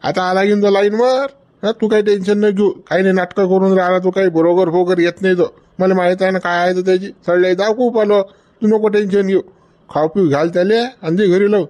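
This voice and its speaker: A man puts on a scheming father from a village. He sounds breezy and offhand, and his voice sits a little high. He soothes and brushes every worry aside. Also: fairly even intonation, brisk, a little mellow, natural voice.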